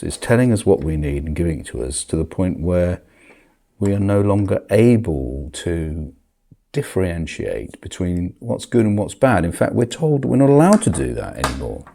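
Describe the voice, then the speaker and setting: A man's voice: low-pitched, creaky, warm tone. An older man in a grumpy, world-weary back-in-my-day rant, commenting on the world with emphatic outbursts. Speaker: video commentator.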